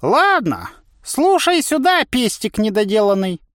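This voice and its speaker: A man voicing a grumpy old four-armed male spear trainer who talks in a gruff, scolding way. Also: high-pitched, sing-song, measured pace, a bit bright, no room sound, clean studio sound, voice pushed up, exaggerated voice.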